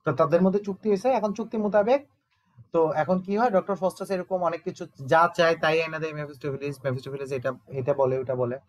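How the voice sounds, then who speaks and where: A Bangladeshi man teaching an online exam-prep lesson, explaining step by step and often checking that students understand. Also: fairly high pitch. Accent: Bangladeshi Bengali.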